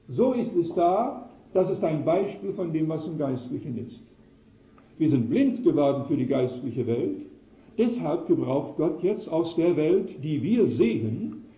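A man preaching a sermon in an earnest manner, posing probing rhetorical questions to his listeners. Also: a little high. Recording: echoey, phone-like lo-fi recording.

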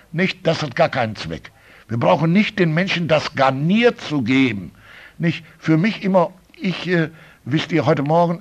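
An older male pastor preaching a sermon, telling stories and often tagging "nicht?", building up to loud, emphatic passages. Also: mid-range voice, breathy edge.

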